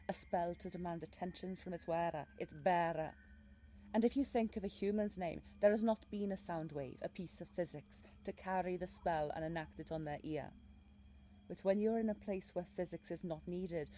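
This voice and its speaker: A woman with a Welsh accent voicing a mysterious, protective fae guide in an intimate audio role-play, with lyrical, gently commanding phrasing. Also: lowish voice, a little hiss or hum, natural voice. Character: mysterious female fae guide, protective, wry, ancient storyteller.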